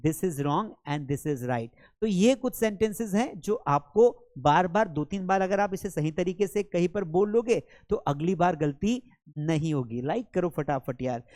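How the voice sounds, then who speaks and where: A man's voice: high-pitched, a little mellow, no room sound. Dry-voiced male teacher quizzing students. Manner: repetitive quizzing, drills sentences slowly. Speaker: English teacher. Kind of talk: spoken English lesson.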